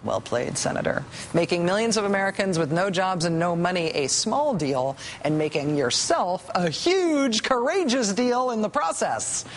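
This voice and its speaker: A woman's voice: fairly low pitch, sing-song, normal speed, a little hiss or hum. A woman hosting a cable news show, delivering commentary in a sarcastic, mock-emotional way. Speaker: host.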